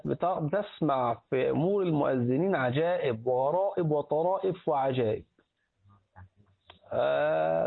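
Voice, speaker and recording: A man's voice: a little high, creaky, slightly rough. A middle-aged man with an Egyptian accent, giving a religious lesson as a sheikh, who repeats words aloud and quizzes his listeners. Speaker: sheikh teaching hadith and jurisprudence. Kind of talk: religious lesson, colloquial explanation. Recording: tinny phone-like recording.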